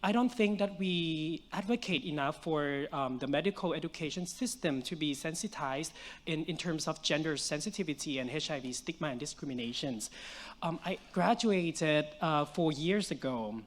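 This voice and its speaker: A man's voice: on the high side, moderate pace. A young adult man, a physician on a conference panel, talking with a stuffy, nasal voice in an earnest, explanatory way with many fillers. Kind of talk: panel discussion answer. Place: conference stage.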